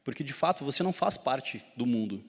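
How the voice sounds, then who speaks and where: A Gaúcho pastor from southern Brazil's Rio Grande do Sul speaks fairly quickly, his medium pitch carrying lively intonation. He ramps up the intensity of his sermon and throws questions out to the congregation, all in Gaúcho Brazilian Portuguese. Long church-hall reverb colors the sound.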